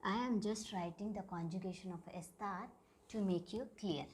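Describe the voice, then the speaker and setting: A woman teaching a grammar lesson at a board, speaking slowly and repeating key words for emphasis. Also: medium pitch, a little mellow, slightly rough. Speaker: Spanish teacher.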